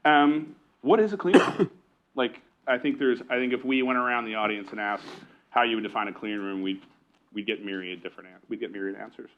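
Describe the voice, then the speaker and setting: A man's voice: lowish voice, fairly quick, lo-fi sound. A man moderating a live conference panel, loose and joking, with frequent fillers and restarts. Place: conference stage.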